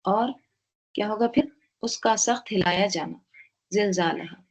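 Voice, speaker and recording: A woman teaching a Quran tafsir lesson, reciting Arabic verses slowly and explaining word roots step by step, often asking her own questions and adding "right?". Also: medium pitch, husky, low-quality recording.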